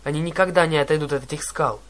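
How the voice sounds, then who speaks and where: A man's voice: on the high side, quick pace, close to an everyday voice. A man doing a fierce, bossy young woman commander. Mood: commanding shouts. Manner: shouting orders. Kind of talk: audiobook character voice.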